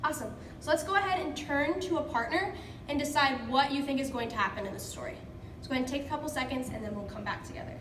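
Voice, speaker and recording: A teacher with a high, fast voice leads children through an interactive picture-book read-aloud, encouraging them and prompting with questions. The room is echoey, the mic distant, and there's background noise.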